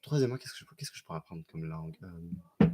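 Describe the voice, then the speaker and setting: A man with a Québécois accent chatting casually on a live stream and answering viewers, loose and slangy with lots of quick restarts. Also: a bass voice, expressive, music in the background. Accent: Québécois French.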